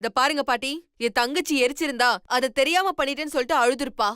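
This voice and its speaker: A woman's voice: high-pitched, quick pace, a bit bright, dry recording, clean studio sound. A young actress playing a defiant young woman in a TV serial, speaking firmly and insistently. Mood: determined. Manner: firm, insistent, confrontational. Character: defiant young woman standing up for her sister. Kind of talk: TV serial acting. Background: music.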